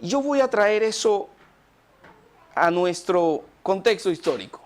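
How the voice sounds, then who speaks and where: A Chilean preacher delivering a sermon with a very lively, rising and falling voice. He sometimes surges loud and then drops to a near hush. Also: high voice, takes it slowly. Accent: Chilean Spanish. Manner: dramatic preaching, swings from loud to hushed.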